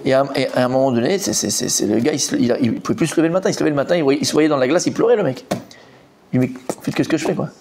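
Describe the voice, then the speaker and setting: A man, a rabbi, teaching a Talmud class in a lively, repetitive storytelling manner that acts out the characters. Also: mid-range voice, very fast, gravelly.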